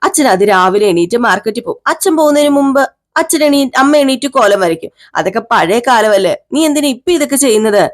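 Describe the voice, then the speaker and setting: A woman's voice: fairly high pitch, animated, fast talker, close to an everyday voice. A woman voicing a caring young husband who coaxes his wife fondly and scolds her in mock sternness.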